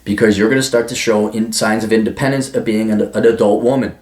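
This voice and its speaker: A man with a fairly low, darkish voice talks quickly in a steady tone, doling out crude, emphatic advice and swearing freely. He's an advice vlogger answering a listener's letter in a blunt, profane monologue, recorded with a roomy echo.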